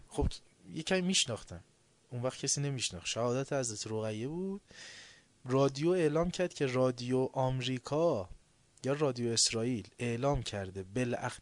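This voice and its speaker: A male preacher gives a sermon in a storytelling manner, full of rhetorical questions. His delivery swings from near-whispers to loud, emphatic outbursts. The recording is dry and close, with no room sound. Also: medium pitch, no room sound. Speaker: religious speaker.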